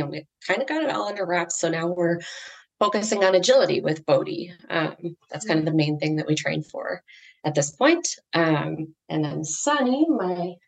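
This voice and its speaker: A woman guest on a podcast, talking in a relaxed, chatty way with plenty of fillers. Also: fairly low pitch, gravelly. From Canada. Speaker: guest, dog owner and social media creator. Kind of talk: casual podcast interview.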